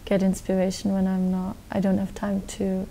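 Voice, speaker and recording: A young woman from Austria talks as an interview guest, rambling in a relaxed way with many fillers. Her voice is mellow and stays fairly level in pitch. A faint low rumble sits behind her in a dark studio. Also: normal speed, rough recording. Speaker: guest musician. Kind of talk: casual interview answers. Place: dark television studio set.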